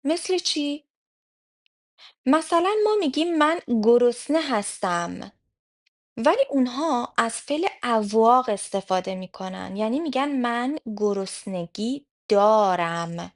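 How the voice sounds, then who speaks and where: Woman teaching French grammar slowly. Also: a little high, expressive. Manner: slow, careful repetition of example phrases. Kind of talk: explanatory language lesson.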